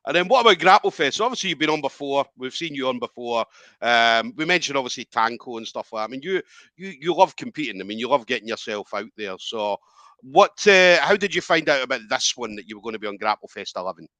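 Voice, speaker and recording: Bright, chatty male interviewer. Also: medium pitch, animated, fast talker, dry recording. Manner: chatty, upbeat, leading questions. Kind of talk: casual interview chat.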